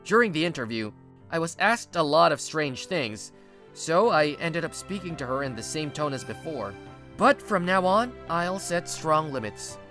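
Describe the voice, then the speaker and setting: A woman with a low, sing-song, slightly bright voice voices a stubbornly guarded, exasperated young male office recruit in a manga dub, at normal speed over faint music. She narrates the first-person story and delivers his dialogue defensively, sounding guarded and resigned.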